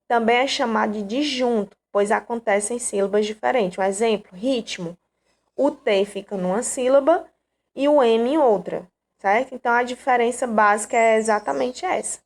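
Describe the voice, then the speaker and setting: Brazilian woman teacher, higher voice, patient step-by-step explainer, frequent check-ins. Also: moderate pace. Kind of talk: online grammar lesson.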